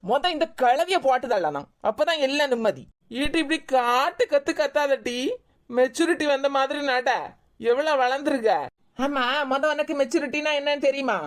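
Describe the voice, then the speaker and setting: A high-pitched young daughter-in-law, voiced by a woman in a village cartoon. She is tired and defiant, and she talks back with quick, sharp-tongued retorts. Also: lively intonation. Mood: irritated.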